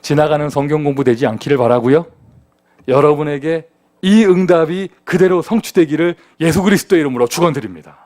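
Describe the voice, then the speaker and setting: A man preaching a sermon as pastor, in a lively conversational manner full of rhetorical questions. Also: a little high, a little fast. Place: church sanctuary.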